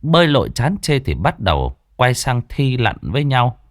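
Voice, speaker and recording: A man's voice: medium pitch, huge pitch swings, moderate pace, no room sound, clean studio sound. A man narrating a rural ghost story in a dramatic storytelling manner.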